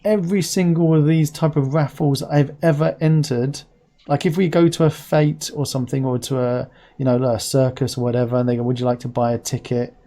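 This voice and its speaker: A man in his forties hosts a casual live stream, chatting, rambling and telling anecdotes. His voice is mellow and on the high side, his pace brisk, and he pronounces his r's as w's.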